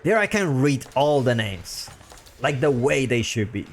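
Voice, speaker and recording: Animated Spanish-accented male game caster. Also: medium pitch, measured pace. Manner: animated, often repeats his own phrases. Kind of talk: live strategy game commentary.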